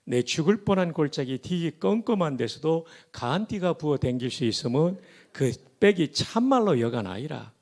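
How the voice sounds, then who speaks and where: A pastor voicing a gruff man reciting a psalm in a Gyeongsang accent, forceful and punchy. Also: on the high side, sing-song, normal speed. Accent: Gyeongsang dialect.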